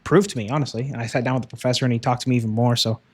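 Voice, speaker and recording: A man's voice: mid-range voice, steady tone, rapid-fire, husky, dry recording. Young guy talking faith on a podcast, earnest, lots of likes and ums, dry mic. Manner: earnest, testimonial, with fillers like "um" and "like". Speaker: podcast co-host. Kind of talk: casual faith talk.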